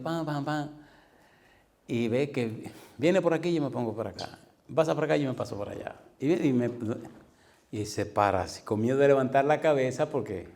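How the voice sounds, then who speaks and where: A middle-aged male pastor preaching a sermon, telling a story with lively acted-out dialogue and sound effects. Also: mid-range voice. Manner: animated, acts out dialogue and makes sound effects.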